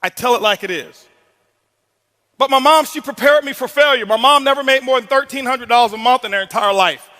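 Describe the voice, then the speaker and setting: A man giving a motivational talk on stage, animated and teasing the audience with call-and-response questions, in a large hall. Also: very high-pitched, brisk. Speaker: motivational speaker.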